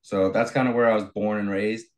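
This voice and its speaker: A young man from South Africa, a guest in a casual interview, telling his story in a relaxed way with many fillers. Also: fairly low pitch, a little fast. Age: young adult. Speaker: guest, bodybuilder and coach.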